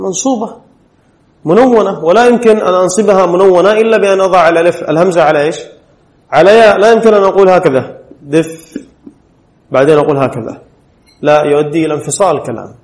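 A man's voice: a little high, a little mellow. Questioning man teaching a class. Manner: quizzes students with frequent questions; reads a rule text aloud, then explains. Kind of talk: classroom lesson on Arabic spelling rules. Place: classroom at an Islamic studies center.

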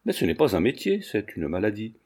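A man reading a jaded young gentleman who speaks with ironic, exaggerated politeness. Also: lowish voice, wildly swooping pitch, a little fast, breathy edge, exaggerated voice. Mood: mock-gallant.

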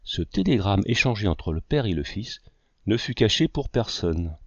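Low-voiced male audiobook narrator. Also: very animated, moderate pace, dry recording, muffled recording. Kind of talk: scripted narration.

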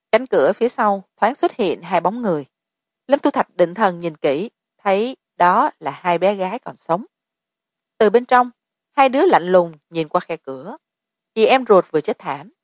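A woman narrating a story in a steady storytelling delivery. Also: medium pitch, dry recording, studio quality. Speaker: audiobook narrator.

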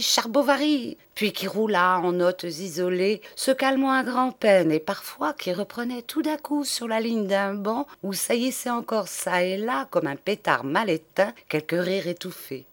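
A woman reads a classic novel aloud as audiobook narration. Her delivery is measured and expressive, with a dramatic lilt that rises and falls through the long sentences. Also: mid-range voice. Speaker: audiobook reader.

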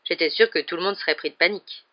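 A reader doing Lupin, a gentle wizard teacher. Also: mid-range voice, fast talker, lo-fi sound, close to an everyday voice.

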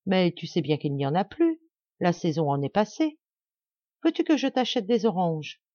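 A woman voicing a cruel stepmother who barks sharp orders and scolds, read from a storybook. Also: fairly low pitch, very animated, moderate pace, no room sound, dull audio. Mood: coaxing. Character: cruel harsh stepmother, doting on one daughter.

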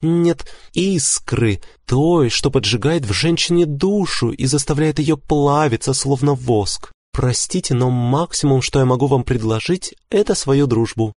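A male reader voicing a cold, aloof young noblewoman who speaks calmly, politely and distantly in a storybook. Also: mid-range voice, measured pace, hardly any pauses, dry recording, voice pushed up. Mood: coolly dismissive.

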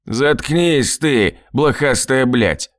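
A man's voice: mid-range voice, moderate pace, dry recording, studio quality, lightly acted. A man voicing a drunk, remorseful husband in an audiobook, with slurred, heavy speech. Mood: drunken.

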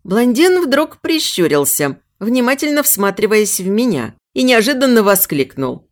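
Expressive woman reading first-person fiction. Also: fairly high pitch, unhurried. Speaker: audiobook narrator.

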